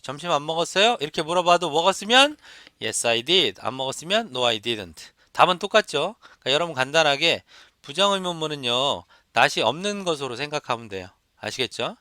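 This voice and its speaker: A male instructor walks through listening questions, repeating each example and prompting his students to say it back. His voice is bright and forceful, smooth and crisp, and it sounds close and dry with no room echo. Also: on the high side. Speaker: English test instructor. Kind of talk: lecture.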